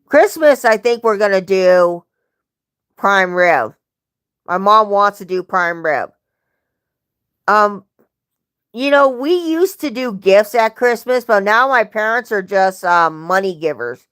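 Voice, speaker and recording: A woman's voice: medium pitch, lively intonation, takes it slowly, pauses often, a bit bright, smooth. A young woman chatting on a livestream, telling rambling family stories and often correcting herself. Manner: rambling, self-correcting storyteller. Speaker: livestream host. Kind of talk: casual livestream chat.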